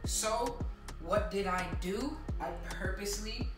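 A man's voice: high voice, slow pace, very echoey, distant mic, over music, low-quality recording. A young man answering viewer questions in a candid, chatty vlog. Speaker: YouTuber and music creator. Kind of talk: casual Q&A vlog.

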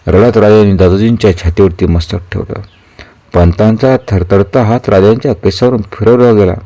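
Man narrating a historical novel, low pitch, dark mellow voice, steady earnest reading. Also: moderate pace.

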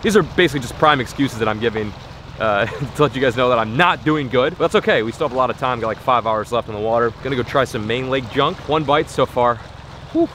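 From a small boat on a lake, a young fishing vlogger addresses his action camera in a casual, upbeat way, mocking himself as he thinks aloud. His voice is mid-range and a bit bright, with slight background noise.

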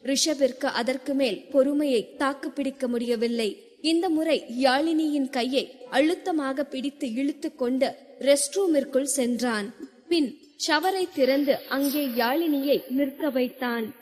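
A woman narrating a novel in steady scripted storytelling, heard with a long hall reverb. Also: sits high, a little slow. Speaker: audiobook narrator.

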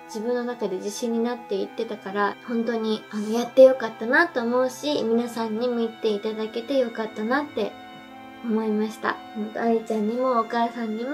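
A tipsy young woman hosts an informal channel chat. Her voice sits a little high, and faint music plays behind her. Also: darkish tone. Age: young adult. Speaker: channel host. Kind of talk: casual chat, addressing viewers. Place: indoor room, on a sofa at a table.

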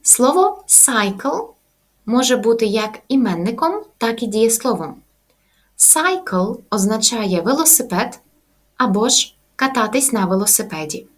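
Female language teacher, voice sitting a bit high, slow careful delivery of example words. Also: animated. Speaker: English teacher. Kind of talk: language lesson.

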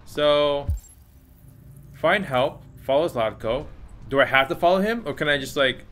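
Young man with lively, swinging intonation. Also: on the high side, measured pace. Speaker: gaming host playing and reacting. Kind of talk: casual playthrough commentary.

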